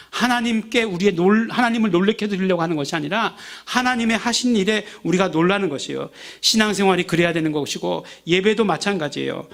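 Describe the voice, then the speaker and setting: Male pastor, high and gravelly, conversational sermon full of rhetorical questions. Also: fairly bright tone. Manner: acts out everyday grumbling in quoted asides.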